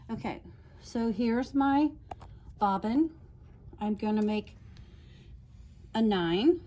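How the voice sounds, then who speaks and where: A woman's voice: fairly high pitch, warm tone. A woman casually demonstrating a sewing machine step by step, chatty and laughing often as she explains.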